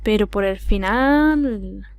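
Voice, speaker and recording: A woman's voice: mid-range voice, slow. A woman with an Andalusian accent voicing an earnest, anxious young nephew in an audiobook, hesitant yet insistent. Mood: urgent.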